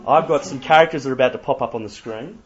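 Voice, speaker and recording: A crowd murmurs in the background as a young Australian man with a mid-range voice talks at a quick pace. As a youth speaker at church, he quizzes the audience playfully, and the lo-fi recording sounds slightly muffled.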